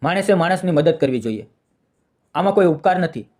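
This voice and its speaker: A man's voice: a little high, lively intonation, fairly quick, a little mellow, lightly acted. Field: figure. Value: a man voicing a kind young rickshaw driver. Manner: earnest, reassuring.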